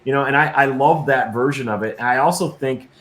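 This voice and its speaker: A middle-aged science fiction creator and designer, appearing as a guest in a casual interview, talks effusively and emphatically, often stammering over repeated words. His medium-pitched voice is fairly quick and a bit bright, recorded with roomy echo and noticeable background noise.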